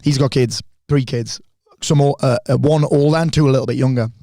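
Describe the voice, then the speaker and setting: A middle-aged man talks quickly and with energy, rattling off stories with casual swearing. He is close to the mic in a dead, dry room. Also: medium pitch, no room sound. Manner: animated storyteller, swears freely. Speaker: podcast guest. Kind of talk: casual conversation.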